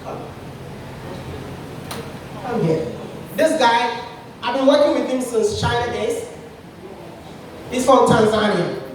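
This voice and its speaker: Animated man talking in an echoey hall. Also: very high voice, slow, pauses often, background noise. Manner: animated, repeats himself, laughs often. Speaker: speaker at a creators' session. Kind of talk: lively motivational talk. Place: indoor event room with audience. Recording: echoey event hall, from far off.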